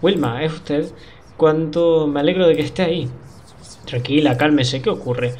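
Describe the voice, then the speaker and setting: A man voicing a calm, kind man on the telephone who talks in a soothing, reassuring way in a video game. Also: a little high, normal speed, natural voice.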